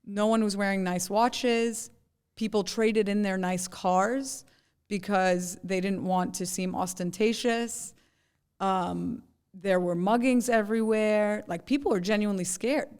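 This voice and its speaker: A woman's voice: medium pitch, steady tone, a little slow, darkish tone, clear, resonant tone. Chatty woman entrepreneur telling stories. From Jordan, raised in New York. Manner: chatty storyteller, says "like" and "right?". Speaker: guest entrepreneur. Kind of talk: casual conversation.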